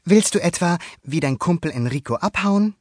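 A man's voice: high-pitched, lively intonation, normal speed, no echo, clean studio sound, pitched above the performer's own voice. A man voicing an eager, flustered young sea monster boy in a storybook reading, talking in a hasty rush. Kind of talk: storybook character voice.

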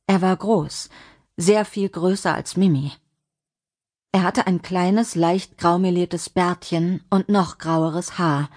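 A woman narrating an audiobook in a measured, steady reading. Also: lowish voice. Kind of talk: scripted narration.

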